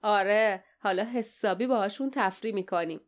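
A woman's voice: mid-range voice, natural voice. A woman voicing a burly, spiteful female pirate, taunting her prisoners.

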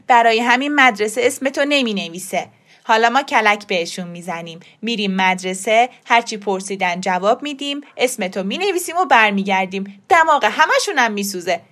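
A woman voicing a bold, scheming old grandmother who talks briskly and emphatically. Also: mid-range voice, animated, fairly bright tone, lightly acted. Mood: coaxing.

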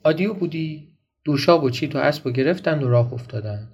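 A man reading a children's folk tale aloud in a lively way, now and then asking the listeners questions. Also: fairly high pitch, breathy edge. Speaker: storyteller. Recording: dull lo-fi recording.

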